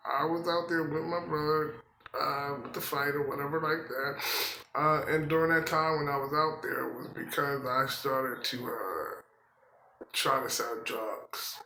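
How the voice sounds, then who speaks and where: A man from tells his own life story, halting and profane, with many fillers. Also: a little high, steady tone, creaky, pushed and bright, echoey room, slight background noise, rough recording. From Philadelphia, US. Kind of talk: personal storytelling.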